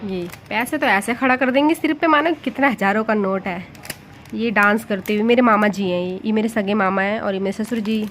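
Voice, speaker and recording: A woman's voice: mid-range voice, brisk, fairly bright tone, slight background noise. A woman in her thirties, a vlogger, chatting casually and with amusement as she walks through her wedding photos.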